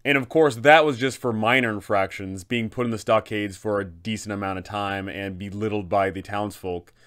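A game master in his thirties hosts this guide, emphatically and methodically giving advice on running a tabletop adventure. His pitch is fairly low and his tone fairly bright, and he talks at a moderate pace with fairly even intonation.

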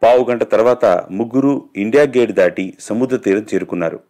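Low-voiced male storyteller. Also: a little fast, warm tone. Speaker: audiobook narrator. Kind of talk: storytelling narration.

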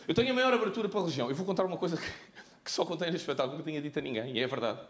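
A man with a European Portuguese accent doing a stand-up comedy set, brash and profane, mocking, swinging between loud punchlines and low asides. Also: lively intonation, rapid-fire. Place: theatre stage before a live audience. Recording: roomy theatre sound with audience noise.

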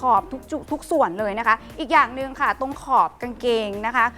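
A woman giving a fast, hype live home-shopping pitch in a polite, emphatic, persuasive way. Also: bright, forceful tone, faint music behind.

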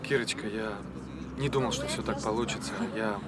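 A middle-aged actor playing an apologetic, weak-willed lover in a screen drama, pleading hesitantly. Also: male voice, on the low side, steady tone, moderate pace, natural voice. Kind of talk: naturalistic screen drama acting. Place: outdoors at a bus station. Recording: loud outdoor traffic noise.

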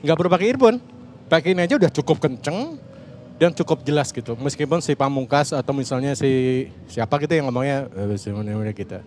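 A man's voice: fairly high pitch, fast, darkish tone, slight background noise. A man, a podcast co-creator explaining his camera and sound work on a panel, often restarting and searching for words. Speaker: podcast co-creator and cinematographer guest. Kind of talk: casual panel talk, explaining.

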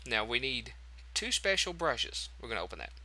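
A man's voice: mid-range voice, very animated, normal speed, bright, forceful tone. A man hosting a casual game tutorial, chatty and thinking aloud as he corrects himself. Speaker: tutorial host.

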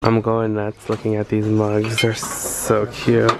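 Filming himself with a handheld camera in a store aisle, a man narrates a casual thrift-shopping vlog, slowly and with vocal fry in a fairly low voice, over music. He's excitable, gushes about what he finds, and talks to himself.

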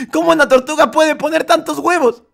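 A man's voice: extremely high pitch, fairly even intonation, moderate pace, creaky, fairly bright tone. A man hosting a reaction video with casual running commentary.

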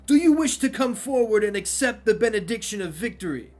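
A man's voice: sits high, lively intonation, a little fast, darkish tone, faint music behind, pitched above the performer's own voice. A man voicing a sly aged male sorcerer who hosts a martial arts tournament, in a stiff, put-on delivery. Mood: smug. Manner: stiff, imitating a game character's delivery.

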